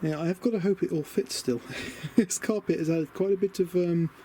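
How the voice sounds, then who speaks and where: A British DIY vlogger shows off a camper van conversion outdoors, next to a van beside a house, rambling casually in an understated way and muttering asides to himself. His voice is high, brisk and mellow, and the camera audio is windy and noisy.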